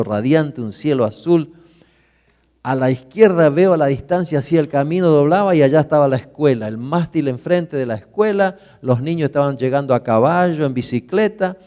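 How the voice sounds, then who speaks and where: A middle-aged man preaches in a warm, mellow voice. He tells his story vividly, rising loud and dropping to a hush. The recording carries the long reverb of a church hall. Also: medium pitch. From Argentina. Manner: vivid personal storytelling, swings from loud to hushed. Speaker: pastor. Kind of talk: sermon storytelling.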